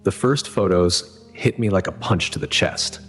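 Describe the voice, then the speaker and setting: Very deep-voiced man narrating gravely. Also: unhurried, a bit bright. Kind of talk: scripted first-person story narration. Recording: reverberant hall sound with faint music.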